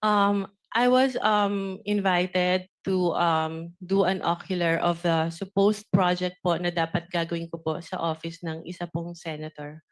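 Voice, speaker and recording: A middle-aged woman with a Filipino accent gives formal testimony before a senate committee. She speaks in a measured, respectful way and answers politely. She is a contractor defending her company. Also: fairly low pitch, fairly even intonation, smooth. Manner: measured, polite, deferential, addresses "Your Honor" with "po". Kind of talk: formal prepared statement and answers at a hearing. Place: senate committee hearing room.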